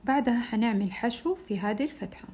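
A woman's voice: fairly high pitch, lively intonation, fast, a little mellow, slightly rough. A woman teaching a crochet shawl step by step, patiently counting stitches aloud. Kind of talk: step-by-step tutorial.

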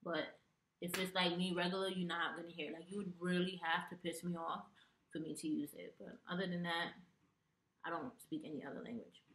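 A young woman vlogger in a tag video reads questions off her phone and answers casually with plenty of ums, in a lowish, steady, fairly bright voice at a fairly quick pace. She's indoors in a small room with a plain wall, recorded in an echoey space with a distant mic and faint hum.

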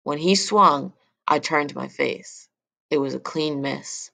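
A woman narrating a novel in the first person at an even, measured pace. Her voice is low and deep, with a gravelly fry running through her lines. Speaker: audiobook narrator.

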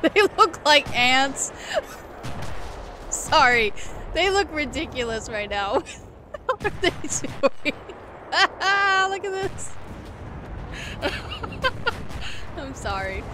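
Giggly woman streamer, slow-paced chatter, faint room noise behind. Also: sits high, very animated. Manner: giggly, exclamatory, amused. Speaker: gaming channel host. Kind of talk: laughing live gameplay commentary.

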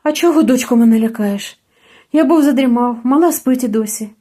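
A woman's voice: fairly high pitch, a little fast, mellow, lightly acted. A woman voicing a sleepy old father-in-law. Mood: soothing.

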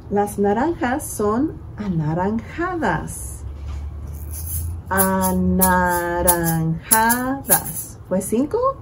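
A woman leading a bilingual children's storytime, switching between English and Spanish and drawing out words slowly to count syllables. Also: a little high, a little mellow, slight background noise, rough recording. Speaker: children's librarian. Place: library.

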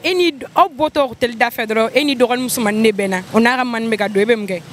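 A young woman with a Malian accent runs a street vox pop, her voice high and bright, teasing her guests. She speaks into a handheld mic on a busy outdoor street. Traffic noise is clearly heard behind her. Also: quick pace. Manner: teasing, laughs often. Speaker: street interviewer.

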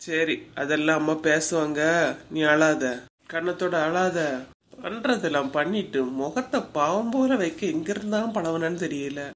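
Low-voiced village woman with a Kanyakumari accent, as a woman voices her. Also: unhurried. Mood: firm. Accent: Kanyakumari Tamil. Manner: firm, scolding, consoling. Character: village woman, firm but caring relative. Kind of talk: cartoon voice acting.

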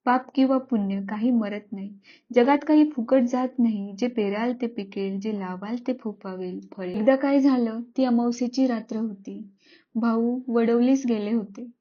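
Woman, storyteller, scripted narration, measured and expressive, fairly high voice, dull lo-fi audio.

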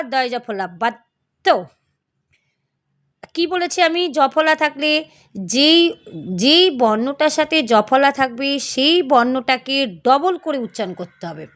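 Slow, high-voiced woman teaching. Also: a bit bright. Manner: slow, drawn-out syllable-by-syllable teaching. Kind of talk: Bengali reading lesson.

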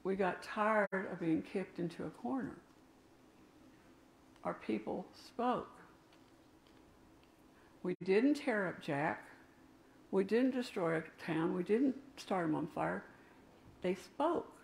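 An older woman delivers a sermon in a gravelly voice. She preaches emphatically, with asides to the people in the pews. The sound carries a roomy church echo. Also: medium pitch, expressive, slow, pauses often, darkish tone, slight background noise. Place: church sanctuary. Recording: echoey church room.

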